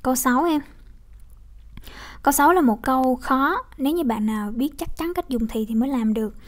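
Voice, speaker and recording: A woman's voice: sits high, fairly quick. A young woman teacher with a Vietnamese accent working through English exam questions, explaining step by step with frequent tag questions. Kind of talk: exam walkthrough lesson.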